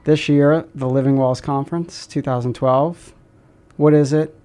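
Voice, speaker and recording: A man's voice: on the high side, steady tone, measured pace, warm tone, faint music behind. A man hosting a radio show, giving a scripted intro and outro and asking friendly questions. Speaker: radio host.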